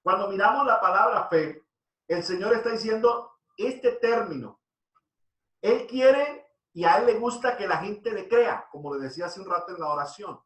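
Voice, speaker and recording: A man's voice: high-pitched, reverberant, recorded from a distance, background noise. A man preaching an earnest devotional sermon, his voice rising when he quotes scripture.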